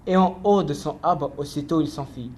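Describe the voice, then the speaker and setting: A man narrating a children's story in rhymed verse, reading clearly and rhythmically. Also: fairly high pitch, moderate pace, darkish tone.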